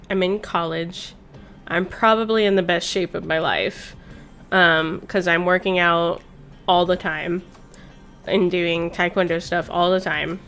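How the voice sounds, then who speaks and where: A thirties woman with a medium-pitched, fairly bright voice hosts a chat stream, chatting casually and telling personal stories in a loose, rambling, sweary streamer style. Music plays in the background.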